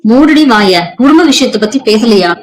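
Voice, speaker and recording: A woman voicing a harsh, scolding middle-aged mother-in-law who talks in a sharp, scornful way. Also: fairly high pitch, animated, normal speed, close to an everyday voice, rough recording. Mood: angry scolding.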